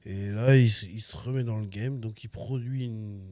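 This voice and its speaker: Man, 40s, podcast guest, deep-ish voice, mellow tone, laid-back slangy chat. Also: fairly even intonation, moderate pace, no echo. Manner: laid-back, loose, peppered with street slang. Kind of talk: casual interview chat.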